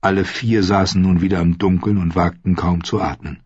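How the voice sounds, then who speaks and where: A man narrating an audiobook in an even, steady storytelling manner. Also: sits low, brisk, slightly rough, no echo. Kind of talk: scripted narration. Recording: dry, dull lo-fi audio.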